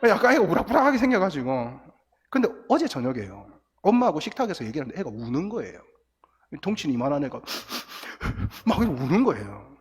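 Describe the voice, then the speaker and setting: Speaking a little high and fairly quickly with a breathy edge, the middle-aged guest pastor animates his story-rich sermon for teens, acting out crying and quotations. It was captured from the sanctuary's sound booth via the church system, with long reverb filling the hall.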